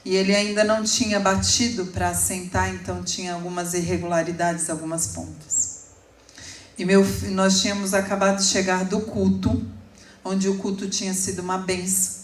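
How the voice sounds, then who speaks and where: A woman in her forties giving an emotional sermon testimony, telling her story slowly with sudden emphatic rises. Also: medium pitch, flat delivery. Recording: echoey room, speaker far from mic.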